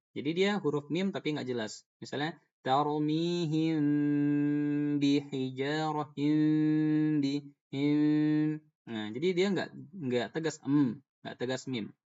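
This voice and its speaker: A man's voice: medium pitch, dull audio. A man teaching Quran recitation in an online class, patiently explaining and repeating sounds to demonstrate them. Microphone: video call.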